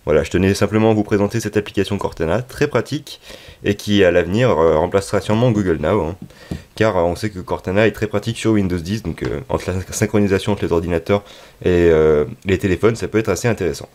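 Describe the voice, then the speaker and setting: A man with a very low voice presents a tech tutorial. He speaks unscripted and haltingly, pausing often to find his next words. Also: a little mellow. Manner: hesitant, halting delivery with frequent pauses. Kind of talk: unscripted app tutorial narration.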